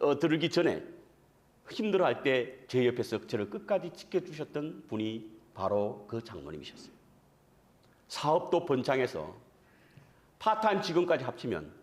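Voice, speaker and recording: A man preaching a revival sermon as guest preacher, in a conversational style that keeps putting questions to the congregation. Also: mid-range voice. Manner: animated, addresses the congregation with frequent questions; conversational, self-deprecating asides.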